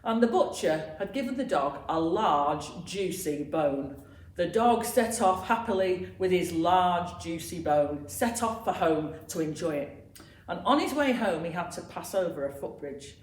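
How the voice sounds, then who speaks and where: A woman's voice: on the low side, lively intonation, a little slow, a little mellow. A woman presenting a playful comic sketch and telling a fable for a children's assembly. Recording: echoey room, faint noise.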